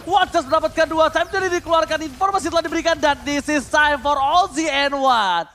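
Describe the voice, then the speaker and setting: High-pitched Indonesian man shouting like a game announcer. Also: slight background noise. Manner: dramatic drawn-out calls, shouting at peaks. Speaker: esports shoutcaster. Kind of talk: excited fighting-game-announcer style esports commentary.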